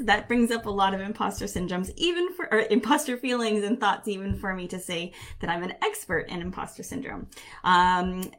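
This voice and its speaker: A woman in middle age talks as a career coach and host of a live online training. Her delivery is casual and chatty, with self-interruptions and small asides, at a medium pitch.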